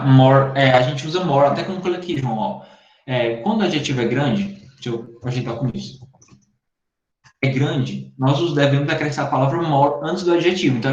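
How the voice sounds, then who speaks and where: This online English teacher speaks Brazilian Portuguese in a fairly high, darkish voice at a fairly quick pace. He explains with patience and checks in with his students over and over. The audio, from a computer mic on a video call, is echoey, dull and lo-fi.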